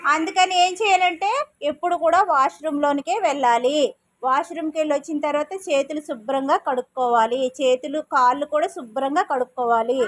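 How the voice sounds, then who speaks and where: A woman's voice: high voice, fairly even intonation, fairly quick. A woman preschool teacher talking to small children in a classroom. She keeps asking questions, repeats the answers back, and gives simple, firm commands.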